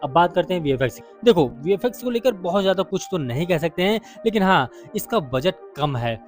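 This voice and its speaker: A man's voice: sits high, animated, brisk, faint music behind. A man giving a casual, chatty film review to his viewers, calling them brother and friend.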